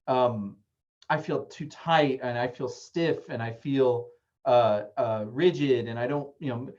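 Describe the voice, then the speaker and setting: Male therapist, conversational presenter, a bit high-pitched, filler-heavy, muffled webinar sound. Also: a little mellow. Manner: conversational, acts out quoted voices, frequent fillers. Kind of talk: casual talk-style presentation.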